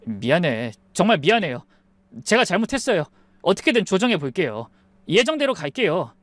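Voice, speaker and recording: A man's voice: high-pitched, very animated, brisk, fairly bright tone, dry recording. A woman voicing an apologetic young groom. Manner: polite, apologetic.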